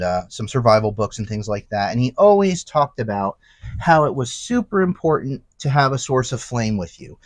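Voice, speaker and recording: A tech gadget reviewer and host gives a casual, unscripted hands-on review, explaining things conversationally and thinking aloud. His mid-range voice has no echo.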